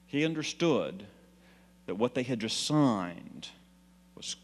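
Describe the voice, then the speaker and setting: A man from Texas giving an energetic, exhorting speech to a political meeting, telling stories to rally the room. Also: mid-range voice, slow. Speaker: political activist speaker. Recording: hall reverb.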